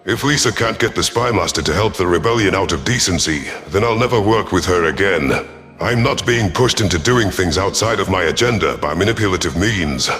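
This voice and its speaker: A man's voice: deep voice, expressive, a little fast, fairly bright tone, soft background music. A man reading a first-person science fiction story as dramatic scripted narration, in the part of a grave alien commander. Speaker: narrator of a sci-fi audio story.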